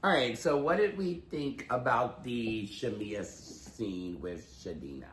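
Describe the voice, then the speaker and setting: A man co-hosting a reality TV recap podcast, recapping scenes in an even, agreeable way. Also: mid-range voice, takes it slowly, roomy sound, a little hiss or hum. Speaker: podcast co-host. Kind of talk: casual gossip chat.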